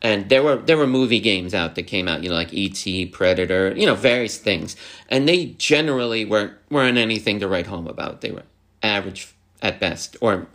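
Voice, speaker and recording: Rambling young man in casual chat. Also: on the low side. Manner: rambling and halting, full of restarts and fillers; animated when mimicking others.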